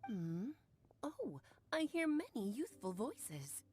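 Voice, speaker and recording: A woman's voice: on the high side, big pitch swings, slow, noisy background. Theatrical, swooping playful witch. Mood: puzzled. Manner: theatrical, teasing storyteller delivery. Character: playful, theatrical older witch, coy and mysterious. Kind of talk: scripted video game dialogue. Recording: music under the voice.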